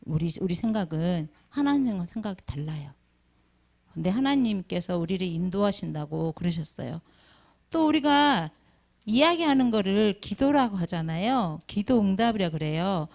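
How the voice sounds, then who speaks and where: A middle-aged woman with an expressive, medium-pitched voice, creaky and somewhat dark, speaks at a normal speed. She teaches Sunday school through a children's sermon, naming the kids and peppering the class with questions.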